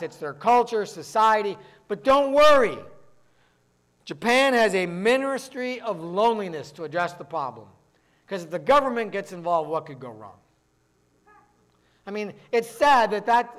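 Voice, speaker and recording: A man from the northern United States preaching a sermon as pastor, talking fast and mixing in joking asides. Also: high-pitched.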